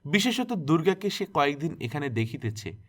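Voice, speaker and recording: A man reading a classic novel aloud as an expressive storyteller. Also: a little high, normal speed. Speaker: story narrator.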